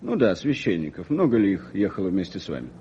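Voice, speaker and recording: A man playing a shrewd, self-assured police detective in an old radio play, with brisk, clipped delivery. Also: sits low, very animated, dark tone, slight background noise. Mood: probing, courteous. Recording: dull, band-limited old radio recording.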